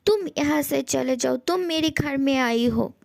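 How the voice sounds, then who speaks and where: A woman's voice: high-pitched, measured pace, gravelly, no room sound. A woman voicing a handsome young male ghost who threatens a newcomer to leave his room, in a fan audio story. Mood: bossy. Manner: bossy, threatening.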